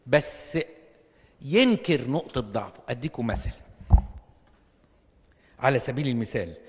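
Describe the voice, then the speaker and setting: A man with an Egyptian accent preaching a lively sermon, acting out little scenes and firing rhetorical questions at his listeners. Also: fairly high pitch. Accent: Egyptian Arabic. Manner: animated, acts out little dialogues, rhetorical questions. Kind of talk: comic sermon to an audience. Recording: long reverb of a hall.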